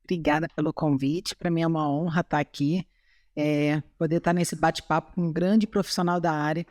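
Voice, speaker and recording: A woman's voice: deep voice, steady tone, moderate pace, a little mellow, no echo, clean studio sound. A woman from Chile with a Brazilian Portuguese accent, a podcast guest talking earnestly in casual chat. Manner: earnest, tags remarks with "sabe?". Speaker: guest, bodybuilding athlete.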